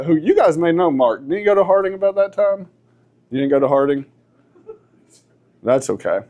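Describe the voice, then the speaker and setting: A man in his forties, a church class teacher, telling stories in a joking, animated way. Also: sits high. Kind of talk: casual talk.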